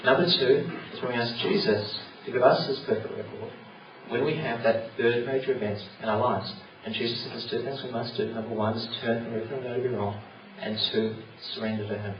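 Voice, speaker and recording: A man's voice: medium pitch, fairly even intonation, fairly quick. Earnest man preaching in a roomy hall. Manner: earnest, conversational, many fillers. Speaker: church speaker. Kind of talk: evangelistic church talk. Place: church hall. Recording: roomy, distant, dull with noise.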